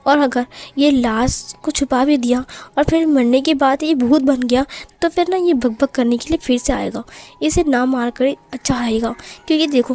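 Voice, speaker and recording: A woman's voice: sits high, darkish tone. A woman voicing a nosy, talkative young henchman who rambles and whines. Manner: rambling, whiny, gossipy. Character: chatty young male henchman, nosy and comic.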